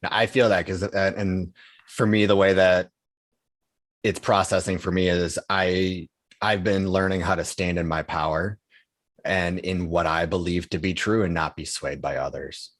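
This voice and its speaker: A man's voice: low-pitched, fairly even intonation, unhurried, no echo. A man hosting a podcast, talking in an earnest, reflective way with loose phrasing. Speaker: podcast host. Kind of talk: casual conversation.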